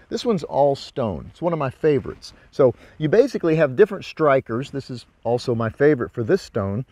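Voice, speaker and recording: A man's voice: mid-range voice, warm tone, dry recording. A man giving a casual hands-on demonstration as an instructor, explaining in an informal, folksy way outdoors. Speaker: hunting instructor, presenter. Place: outdoors in brush by a ravine.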